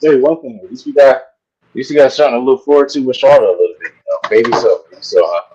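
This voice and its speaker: A man in casual sports-show chat, laid-back and agreeable, quick to back others up. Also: medium pitch, warm tone, slight background noise. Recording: dull lo-fi mic.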